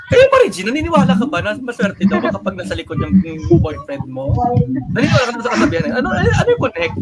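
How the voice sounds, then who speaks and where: Playful high-voiced Filipino host. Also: male voice, big pitch swings, rapid-fire, creaky, heavy background noise. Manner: teasing, joking interviewer with frequent laughs. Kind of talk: casual chat.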